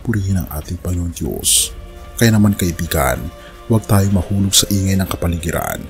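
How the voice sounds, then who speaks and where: A man with a very low voice narrates a news story in a scripted, preaching way. He speaks earnestly, calling the listener his friend. Soft music plays underneath. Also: animated, brisk. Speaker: religious news commentary narrator.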